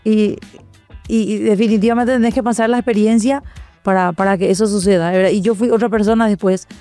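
A woman sharing a personal testimony in conversation, reflective, often pausing and adding tag questions. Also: medium pitch, steady tone, dark tone, no room sound, soft background music. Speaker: guest.

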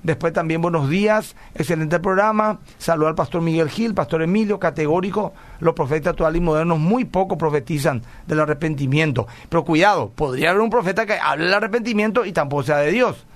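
A man's voice: fairly high pitch, quick pace, hardly any pauses. A middle-aged man, a pastor hosting a radio call-in program, telling stories earnestly and often asking "¿verdad?". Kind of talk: radio call-in talk, answering listener messages.

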